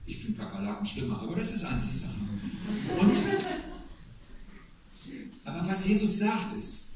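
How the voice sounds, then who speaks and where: Brief: male pastor, chatty sermon with congregation asides, animated delivery, echoey hall with faint background noise. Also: high voice, normal speed, far from the mic. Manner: conversational preaching with asides to the congregation. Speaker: preacher.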